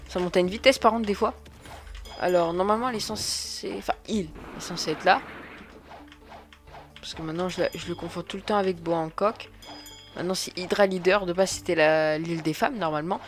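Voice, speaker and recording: A man giving excitable, chatty let's play commentary, often repeating words as he plays. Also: high-pitched, a little fast, slight background noise. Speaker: gaming video creator.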